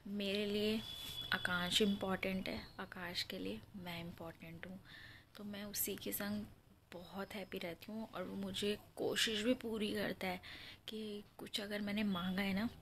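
A woman's voice: mid-range voice, gravelly, slight background noise. A young woman from Delhi talking to viewers in a casual home vlog, chatty and earnest, holding her phone at arm's length. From Delhi, India. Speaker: vlogger. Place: indoors at home, face close to a handheld camera. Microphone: phone held at arm's length.

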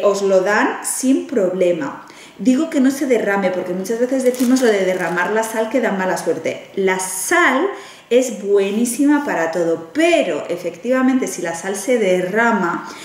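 Spanish woman chatting thru a ritual at a table, sounds kinda far from the mic, big echoey room. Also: medium pitch. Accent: Spain Spanish. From Spain. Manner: chatty, frequent "¿vale?" check-ins, animated hand gestures. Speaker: witch teaching rituals. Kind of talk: casual tutorial demonstration. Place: room indoors, standing at a table. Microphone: camera at a distance.

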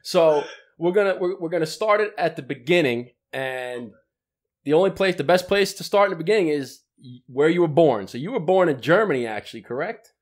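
A man from Long Island co-hosts a casual interview from a pool house. His voice sits a bit high, and he sounds friendly and laughs easily. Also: lively intonation, fairly quick. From Long Island, New York. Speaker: co-host.

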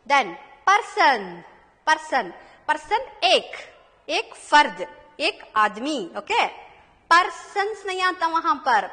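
A woman's voice: high voice, pushed and bright, big-room sound. A woman with an Indian accent teaching English plurals to children, mixing Hindi-Urdu and English, spelling out words letter by letter and asking questions as she goes. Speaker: primary school English teacher.

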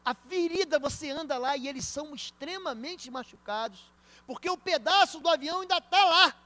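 A Brazilian-accented male pastor with a strikingly high voice delivers a church sermon. He preaches emphatically, swinging from hushed asides to loud declarations. He tells stories and addresses the congregation directly. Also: normal speed, dry recording.

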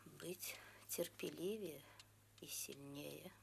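An actress playing a sorrowful, stoic village mother in a film's inner monologue, hushed, solemn and resigned. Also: sits low, slow, vocal fry, slight background noise, full character voice. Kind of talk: film drama inner monologue.

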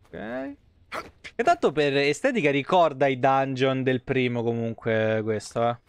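A man's voice: mid-range voice, a little slow, creaky, smooth, dry recording. A man with an Italian accent giving casual, sarcastic live commentary on a game he is playing, swearing freely and talking back at the characters. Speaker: gaming streamer.

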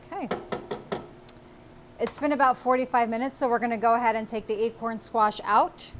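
A woman in her forties hosts a cooking show, walking viewers through each step in a friendly way while she cooks in a small studio kitchen. Her voice sits on the high side at a normal speed, picked up by a lapel mic with slight background noise.

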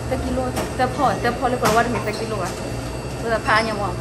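A woman's voice: on the high side, steady tone, very fast. A woman vlogger chatting casually through a face mask while ordering food in a restaurant. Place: busy restaurant. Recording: noisy restaurant background.

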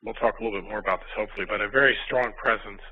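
A man's voice: on the low side, rapid-fire, husky. An older man from Florida, a pediatrician, giving a conference lecture in a hesitant way with many fillers and restarts. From Miami, Florida. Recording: tinny phone-like recording, faint noise.

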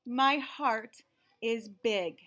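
Extremely slow and forceful, her bright voice sits a little high. She is an American woman in her forties reading a picture book aloud to young children, a read-aloud host and teacher who reads expressively and offers friendly teaching asides. She is in a small indoor room with shelves and cabinets.

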